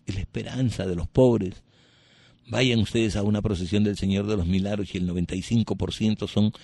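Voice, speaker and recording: A man's voice: lowish voice, mellow, slightly rough, no echo. A man giving an emotional personal testimony, earnest, often restarting his sentences and tagging them with questions.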